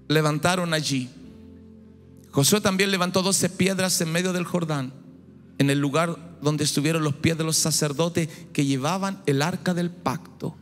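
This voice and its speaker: This preacher has a fairly high, creaky voice. Born in Chile and in his forties, he holds a handheld mic on a big church stage and gives an ardent sermon to a large congregation, climbing to shouts and exclamations. The recording carries hall echo and background music.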